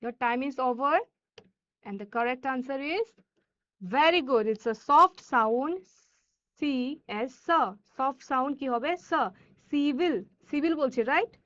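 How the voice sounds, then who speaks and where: A woman English teacher with a Bengali accent and Bengali as her first language, teaching children, reading words slowly and deliberately with quicker asides. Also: high voice, expressive, a bit bright, lo-fi sound. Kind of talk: classroom lesson for children.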